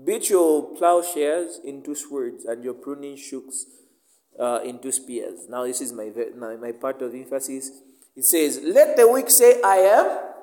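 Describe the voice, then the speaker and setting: A man's voice: fairly high pitch, a little mellow. A man preaching a sermon, asking the listeners questions and answering them himself. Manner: emphatic call-and-response questioning. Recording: echoey room.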